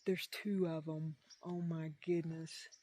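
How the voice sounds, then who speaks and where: A backpacker recording a casual, unscripted video diary outdoors at a lakeside camp, pausing and trailing off between thoughts. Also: medium pitch, flat delivery, a little mellow. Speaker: backpacker vlogging a long trail hike. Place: outdoors at a campsite by a wilderness lake.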